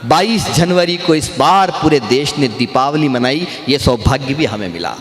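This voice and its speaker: A man performing as a stage poet, reciting humorous verse slowly and emphatically and teasing the crowd between lines. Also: mid-range voice, lively intonation, slight background noise. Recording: echoey stage sound in a reverberant venue.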